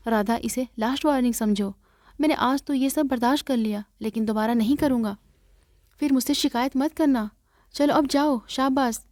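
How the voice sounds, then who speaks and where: A stern, scolding older brother from a storybook tale, read by a woman narrator in her own warm, fairly high voice. The sound is dry and close. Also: no room sound, close to an everyday voice.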